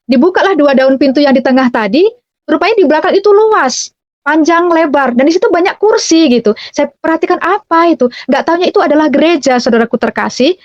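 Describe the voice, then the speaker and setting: A woman's voice: high-pitched, lively intonation, brisk, no echo. A woman telling her personal faith testimony in a chatty way, tagging phrases with a casual filler and calling her listeners dear brothers and sisters. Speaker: testimony speaker. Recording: dull, muffled dry recording.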